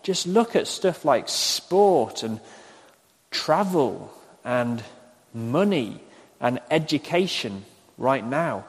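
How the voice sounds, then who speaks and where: A man preaching a sermon in a slow, deliberate way, with emphatic pauses. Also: medium pitch, animated, slightly rough. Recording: long hall reverb.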